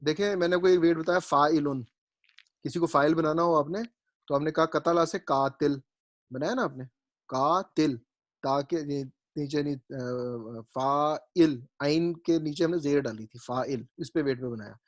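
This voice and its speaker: A man's voice: fairly high pitch, dry recording. A man teaching Arabic grammar in a classroom lecture. He explains step by step, repeats his points and keeps checking that his students understand.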